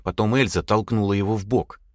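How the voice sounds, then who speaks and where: A man narrating an audiobook in an expressive, lively way. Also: lowish voice, a little fast, no room sound, clean studio sound. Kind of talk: audiobook reading.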